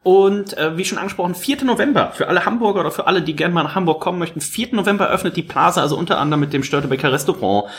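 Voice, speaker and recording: A man hosting a casual podcast, telling rambling, animated stories. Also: on the high side. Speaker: podcast host. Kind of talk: casual chat.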